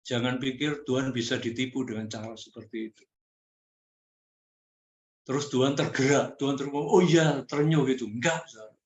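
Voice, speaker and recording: A man's voice: mid-range voice, fairly even intonation, normal speed, long pauses. Man, preacher, conversational sermon, direct challenges, echoey room. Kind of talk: sermon teaching.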